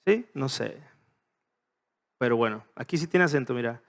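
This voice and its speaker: A man's voice: medium pitch, animated, moderate pace, gravelly. A middle-aged man with a Mexican Spanish accent teaching a casual Bible study as pastor, chatty and joking, often asking his listeners questions.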